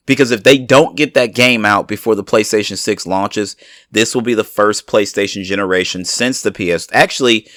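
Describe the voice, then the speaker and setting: A man's voice: mid-range voice, a bit bright, no echo, studio quality. A man hosting a podcast, telling stories and ranting animatedly about video games, swearing freely and acting out conversations. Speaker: podcast host. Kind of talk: casual gaming talk.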